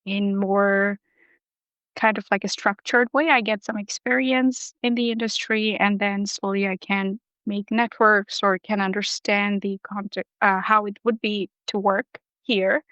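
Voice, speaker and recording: A young woman from Bangladesh talks as an interview guest, thinking her way through answers with plenty of ums and uhs. Her voice is smooth and clean at a middle pitch. The recording is dry and a bit dull. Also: fairly bright tone, no echo. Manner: thoughtful, with frequent ums and uhs. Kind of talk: casual interview.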